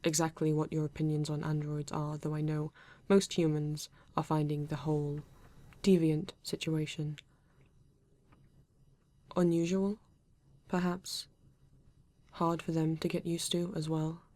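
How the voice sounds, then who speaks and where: A woman with a low, dark voice and flat delivery plays a British-accented male android police detective for an ASMR roleplay, speaking formally and precisely without contractions. Her portrayal is proud yet earnest, and here the mood is thoughtful and reserved. The audio has no room sound.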